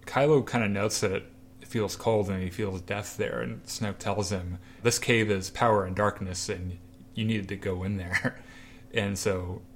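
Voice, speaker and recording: Man co-host, low voice, animated storyteller, faint room hum behind. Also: unhurried. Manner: animated storyteller, acts out quoted lines. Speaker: podcast co-host. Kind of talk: casual chat retelling a comic.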